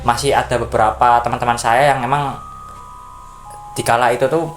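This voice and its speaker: A man from Java, a podcast guest, casually telling a story in an animated way, acting out voices and sound effects. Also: medium pitch, normal speed, soft background music. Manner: animated, acts out voices and sound effects, keeps addressing the listener.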